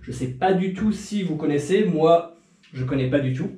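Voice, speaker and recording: A man's voice: fairly high pitch, animated, normal speed, warm tone. A young man chatting casually to camera in a tasting vlog, rambling with fillers and restarts. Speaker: video creator. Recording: echoey room.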